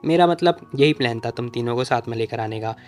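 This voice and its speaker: A man's voice: medium pitch, quick pace, a little mellow, faint music behind, voice pushed down, close to an everyday voice. Defensive scheming mother, read by a man.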